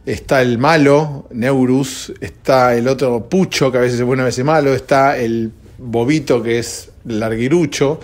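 A sleepy man with a Rioplatense Spanish accent rambles through a solo podcast, recorded at home at dawn. His mid-range voice holds a steady tone, and he talks unhurriedly with few pauses.

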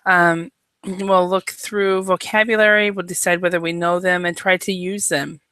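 A young American woman from Idaho teaches a casual online English lesson from a small room at home, using a headset mic. Her voice is fairly low, bright, forceful, clear and resonant, with no echo, and she speaks at a normal speed in a flat way. She's chatty and friendly, dropping plenty of "um"s and "uh"s.

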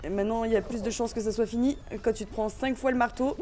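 A young woman streaming a party game, commenting in an excitable, laughing, self-mocking way. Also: on the high side, fast talker. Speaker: gaming streamer. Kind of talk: live let's play commentary. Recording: faint game music behind.

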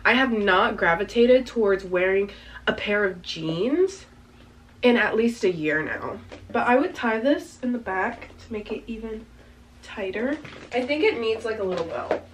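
Trying on clothes in a small bedroom with a backdrop, a twenties fashion vlogger chats casually with lively intonation at a measured pace. Her medium-pitched voice carries a slight congestion rasp, and she rambles with lots of fillers. A camera mic a few meters away records her, with faint room noise.

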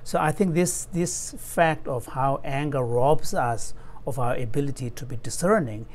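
A middle-aged man interpreting a Buddhist teaching in a measured, explanatory way, with fillers and restarts, on a video call from a room at home. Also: medium pitch. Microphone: earphone headset mic on a video call.

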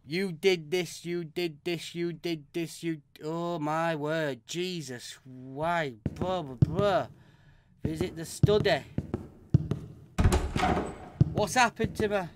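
Here a let's play gamer speaks slowly and with few pauses in a fairly high-pitched male voice. He narrates his horror playthrough, cursing often, yelping at scares, and voicing the text on screen, all over heavy background noise.

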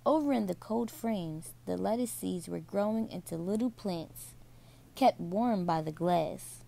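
A woman reading a bedtime story aloud to children, slowly and soothingly. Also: medium pitch, vocal fry, warm tone.

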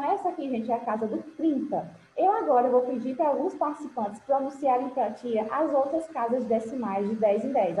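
A woman with a Brazilian Portuguese accent teaching English numbers to children in an online class, encouraging them with pet names. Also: sits high. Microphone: video call. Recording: roomy, dull video-call audio with faint hiss.

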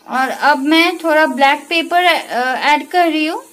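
Brief: woman, home cooking host, high voice, unhurried friendly explaining. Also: a bit bright, low-quality recording. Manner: chatty, addresses viewers as friends. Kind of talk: casual cooking tutorial. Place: home kitchen.

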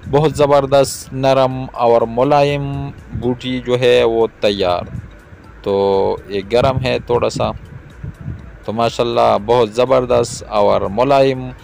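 A man in his thirties from Pakistan, hosting a cooking video and calmly explaining each step to viewers outdoors. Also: mid-range voice, takes it slowly, gravelly, soft background music. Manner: calm, repetitive explaining, addresses viewers directly. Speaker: cooking channel host. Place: outdoors in a garden yard.

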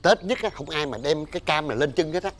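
A man's voice: fairly high pitch, animated, fast. A blustering superstitious old father. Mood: scolding. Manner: scolding, blustering, loud rants. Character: irritable superstitious old father, Tết-obsessed. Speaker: older father of the household. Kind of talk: TV sitcom acting.

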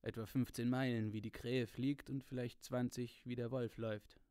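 A man reading aloud voices an old, wise male wizard, speaking in a measured, calm, slightly lowered voice. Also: smooth, no echo, studio quality, lightly acted. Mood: grave.

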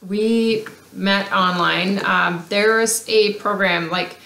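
A woman chats easily as a podcast co-host, talking from her home craft room into a desk camera. Her storytelling is relaxed and full of small fillers, and the room adds a noticeable echo around her mid-pitched voice. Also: slow pace, creaky. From Denmark. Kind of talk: casual podcast chat. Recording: roomy echo.

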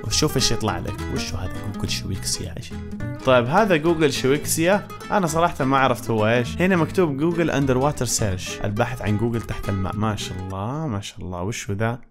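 A man's voice: medium pitch, animated, fast. A man in his twenties with a Gulf Arabic accent, chatting casually and playfully as a video host, dropping in English exclamations, on a close microphone. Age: 20s. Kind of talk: casual chat, reacting to web searches. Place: small indoor home studio room. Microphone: close studio microphone on boom arm. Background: faint background music.

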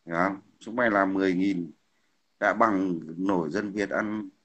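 Combative low-voiced man. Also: fairly even intonation, normal speed, fairly bright tone, lo-fi sound. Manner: combative, insulting, repeats "hiểu không?". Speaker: livestream host. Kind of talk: heated political livestream rant.

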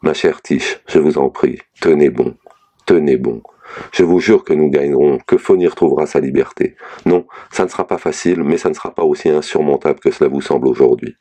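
A man's voice: rumbling low, brisk, mellow. A man reading as a blunt, candid lawyer. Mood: reassuring.

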